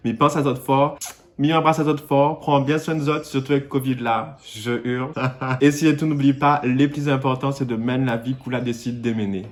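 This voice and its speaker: A man's voice: medium pitch, steady tone, moderate pace. A man from Réunion giving a comedic vlog monologue in a playful, camp, theatrical way. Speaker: YouTuber.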